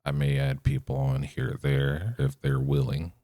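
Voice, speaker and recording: A young man hosting his own podcast, rambling unscripted in a monotone with lots of fillers. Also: extremely low pitch, normal speed, dry recording, studio quality. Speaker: podcast host.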